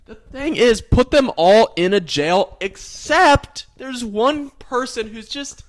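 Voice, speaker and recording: A young man co-hosting a comedy podcast, hyper and joking, with shouty bursts and laughter. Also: very high voice, slow. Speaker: podcast co-host. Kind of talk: casual comedic chat.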